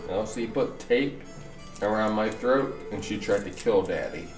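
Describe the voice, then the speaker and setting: A man and father bantering playfully with his child during a stream, teasing in an unhurried way. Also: on the low side, animated, distant mic. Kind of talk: casual family banter on a stream. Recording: roomy sound, off-mic, game music behind.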